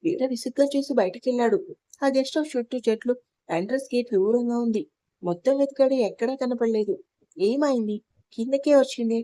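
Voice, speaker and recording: A woman tells an audio story in a steady, even narrating manner. Her voice sits fairly high and is recorded close and dry. She reads every part herself. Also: fast, no echo.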